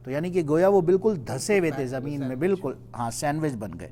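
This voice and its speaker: A man teaching a Quran study class, explaining patiently and reciting verses slowly. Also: on the high side, expressive, warm tone, a little hiss or hum.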